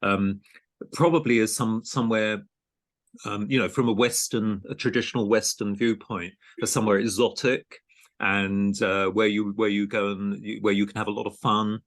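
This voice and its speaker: A man with a fairly low voice hosts a conversational podcast interview. He talks with plenty of ums, pauses and restarts. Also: steady tone. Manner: hesitant, many ums and restarts. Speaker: podcast host and programme director.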